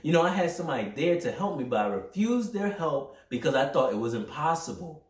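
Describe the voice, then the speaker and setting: A young man hosting a podcast, talking through a personal motivational monologue in an energetic, rambling, self-reflective way. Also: a little high, brisk. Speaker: podcast host. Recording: roomy echo, mic at a distance.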